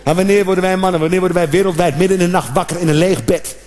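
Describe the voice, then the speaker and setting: A man doing a stand-up comedy routine, animated, with sudden shouted outbursts and acted-out noises. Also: sits high, racing.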